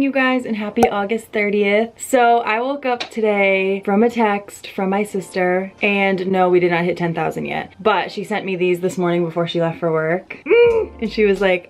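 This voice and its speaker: A young woman vlogging casually, excitable and gushing as she talks to her viewers. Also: medium pitch. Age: young adult. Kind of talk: casual vlog talk.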